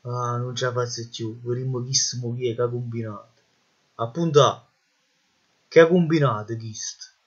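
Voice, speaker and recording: A man's voice: medium pitch, steady tone, moderate pace, breathy edge, natural voice. A man playing an exasperated, bullying police marshal with a Neapolitan accent, scolding and sarcastic in a comic parody dub. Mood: weary, groaning. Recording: muffled lo-fi dub.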